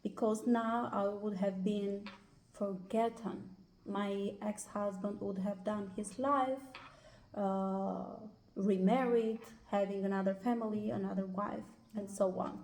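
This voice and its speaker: Slow, hesitant Albanian-accented woman. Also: medium pitch, steady tone, a little mellow, a little hiss or hum. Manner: hesitant, many pauses and "uh" fillers. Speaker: guest. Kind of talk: personal life story in an interview. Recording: roomy echo.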